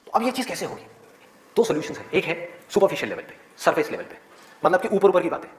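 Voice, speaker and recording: A male biology teacher giving a motivational talk to his students, with many rhetorical questions and a lively, persuasive manner. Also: high voice, quick pace, reverberant, a little hiss or hum.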